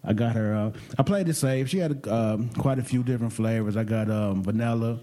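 A man co-hosting a casual talk show, telling a story in an animated, profane way. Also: on the low side, a little fast. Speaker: podcast co-host telling a vacation story. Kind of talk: casual chat.

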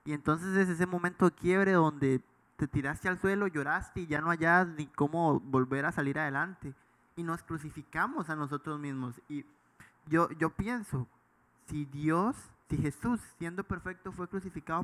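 A man's voice: a little high, moderate pace, fairly bright tone. A man speaking reflectively in a casual faith chat, often checking whether the others follow him. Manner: reflective, conversational, asks "¿me entendés?".

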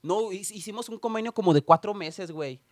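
A man's voice: high voice, a little fast, no echo, clean studio sound. A man with a Mexican accent co-hosting a podcast, telling stories in laughing, profane banter. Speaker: podcast co-host. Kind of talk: casual chat.

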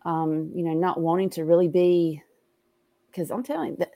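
A woman's voice: lowish voice, normal speed, warm tone. A woman co-hosting a casual podcast, rambling with lots of "you know" and "um". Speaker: podcast co-host.

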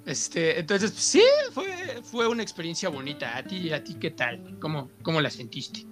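Bright, high-voiced young Mexican man. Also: normal speed, soft background music. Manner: slangy, animated storytelling. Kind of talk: casual chat, reminiscing with a friend.

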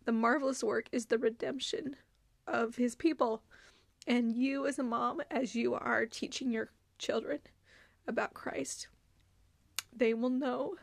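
Female podcast host, sincere and conversational, slight vocal fry, dry recording. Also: a little high, no echo. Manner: earnest, heartfelt, conversational with many fillers. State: tearful, choked up. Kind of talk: devotional podcast talk to mothers.

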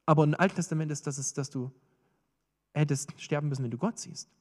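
A man preaching a sermon, swinging between urgent emphasis and hushed intensity. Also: on the high side, fairly quick. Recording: long reverb of a hall.

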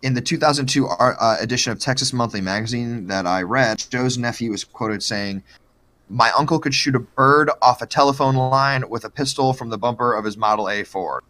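A man with a mid-range, sharp-toned voice speaks fairly quickly while co-hosting a podcast. He tells a true-crime story casually, joking and swearing, with lots of fillers.

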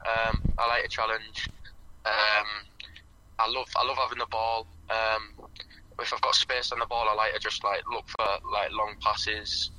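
A young man's voice comes through a phone on speaker, very bright and thin in tone. His pitch hardly moves as he talks. He answers in a halting, modest way, filling the gaps with "um" and "like". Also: little pitch movement, low-quality recording. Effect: heard over a phone on speaker. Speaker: footballer guest calling in. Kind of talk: casual phone-in interview.

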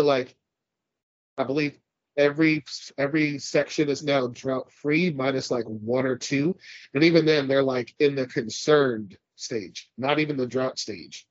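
A stuffy-sounding man from California rambles and laughs his way through casual podcast talk as a co-host, cursing offhandedly. His voice runs on the high side, and the muffled recording has no room sound.

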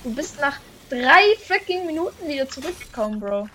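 Slangy, excitable woman gamer, slightly high. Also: normal speed, a little hiss or hum. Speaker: gaming video host. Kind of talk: casual gaming commentary with voice chat.

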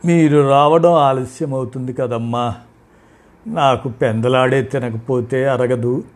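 A man voicing a frail elderly father who speaks gently and wearily. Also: mid-range voice, fairly even intonation, lightly acted. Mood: weary. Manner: tired, soft-spoken, slow.

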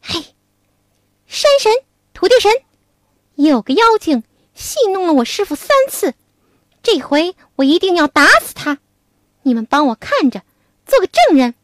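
A woman voicing a brash, loud male monkey king who shouts and pleads urgently. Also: very high-pitched, big pitch swings, measured pace, long pauses, no echo, full character voice. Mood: fierce.

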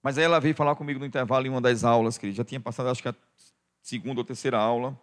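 A middle-aged man with a Brazilian Portuguese accent, preaching a sermon as pastor, calling the congregation "dear" over and over and swinging from hushed to loud. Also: mid-range voice, fairly even intonation, rapid-fire. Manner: addresses the congregation as "querido" constantly, swings from quiet to loud.

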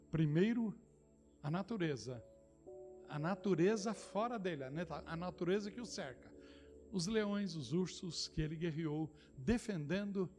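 A middle-aged Brazilian pastor from São Paulo preaching a sermon, moving between quiet, close asides and shouted declarations, repeating phrases straight to the congregation. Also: male voice. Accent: Brazilian Portuguese, São Paulo. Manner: impassioned preaching that swings from low, intimate asides to shouted declarations.

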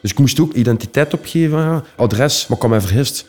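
A man's voice: mid-range voice, animated, a little fast, a little mellow, faint music behind. A young Flemish man telling his own stories casually, rambling in a streetwise way with many fillers. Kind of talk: casual personal storytelling.

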